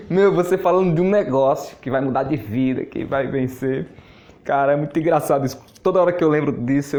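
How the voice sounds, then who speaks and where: Man, fairly high voice, laughing storyteller, roomy echo. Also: darkish tone. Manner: chatty, laughs often, repeats words. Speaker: network marketing mentor. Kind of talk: casual anecdote telling. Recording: echoey room.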